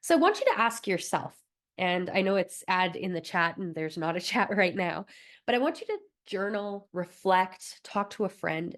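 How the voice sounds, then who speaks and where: Speaking in a lowish register, a young woman from Alberta, Canada, leads listeners through a recorded wellbeing session. She's upbeat and supportive, laughing lightly and using fillers as she coaches.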